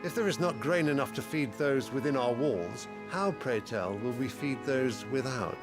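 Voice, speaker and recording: An actor playing a stern, imperious emperor with a haughty, oratorical manner in a fantasy video game. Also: male voice, medium pitch, moderate pace, natural voice. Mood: indignant, commanding. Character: stern, imperious emperor scolding his councillors. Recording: game audio under clear music.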